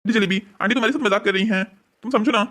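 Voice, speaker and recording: A voice actor playing a sly, smooth-talking young man in a cartoon story, coaxing and evasive. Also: mid-range voice, rapid-fire, pushed and bright, natural voice.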